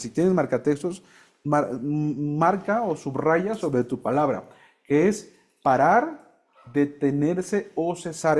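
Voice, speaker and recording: Man, fairly high voice, teaching an interactive Bible class. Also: a little mellow. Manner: explains slowly, quizzes the class, jokes.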